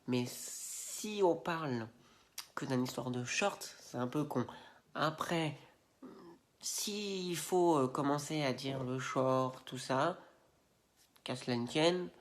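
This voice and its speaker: Stuffed up from a head cold, an Instagram video creator takes his time ranting to the camera about his opinions. The middle-pitched delivery is loose and slangy, wandering through fillers and false starts while staying steadily indignant.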